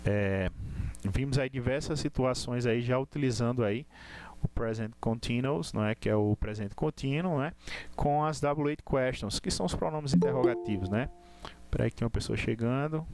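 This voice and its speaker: A man leads a live English class online in an everyday middle-pitched voice. He explains patiently, starts sentences over and keeps checking in with tag questions. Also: darkish tone, slight background noise. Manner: explains slowly, lots of tag questions and restarts. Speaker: English teacher.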